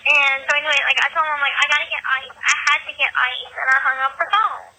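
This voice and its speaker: A woman's voice: high voice, steady tone, fast, pushed and bright. A woman on a collect call from prison, annoyed and emotionally worn out, venting casually with lots of "like". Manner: venting, peppered with "like". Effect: prison phone call. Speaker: inmate caller. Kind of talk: casual phone chat.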